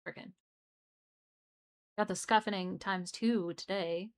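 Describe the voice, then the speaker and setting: Young woman, streamer, casual rambling chat, mid-height pitch, frequent restarts. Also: steady tone, slow.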